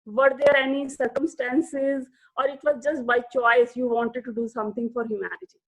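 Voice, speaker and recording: A woman's voice: a little high, fairly even intonation, normal speed, poor audio. A woman hosting an interview over a video call, reading a formal introduction and asking long questions. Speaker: interview host.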